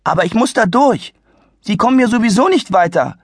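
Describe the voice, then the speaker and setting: A man's voice: high voice, expressive, brisk, slightly rough, dry recording, clean studio sound, voice pushed up, heavily acted. A man voicing a cheeky, stubborn young boy in a children's audiobook, pushy and grumpy.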